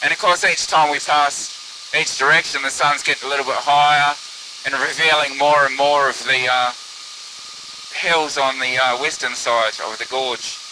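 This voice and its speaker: A man at the controls of an open microlight films his flight and muses casually over a pilot's headset, sounding as if he's on the radio. His voice is medium in pitch and moderately paced, with the aircraft's engine and wind hissing steadily underneath.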